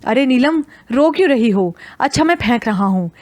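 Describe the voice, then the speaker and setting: A gentle, teasing young husband, read by a woman narrator in an audio novel. He speaks softly and coaxingly, in a voice on the higher side, close and dry. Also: lively intonation, no echo, lightly acted. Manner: soothing, coaxing.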